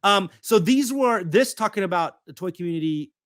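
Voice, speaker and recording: A man's voice: high voice, lively intonation, normal speed, fairly bright tone, no room sound, studio quality. A man co-hosting a podcast in casual chat, rambling with lots of fillers. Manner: rambling, enthusiastic, many fillers. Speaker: podcast co-host.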